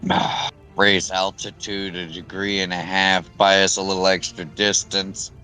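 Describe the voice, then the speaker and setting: A fairly low male voice speaking in character during a tabletop game, dry and sardonic, with the odd curse. Faint music plays behind him. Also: level tone, a little slow, sharp tone. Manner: dry, sardonic remarks with swearing. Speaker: player.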